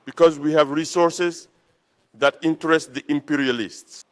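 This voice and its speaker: Man, fairly high voice, rallying political speech, military leader addressing troops, exhortatory repetition. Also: steady tone, moderate pace. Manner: exhortatory, with repetition and rhetorical questions.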